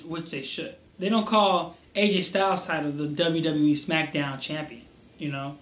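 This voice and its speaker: A man co-hosting a casual wrestling podcast, rambling through his picks with many pauses and restarts. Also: on the high side, steady tone, a bit bright. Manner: rambling, lots of fillers and restarts. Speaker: wrestling show co-host. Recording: roomy echo with faint noise.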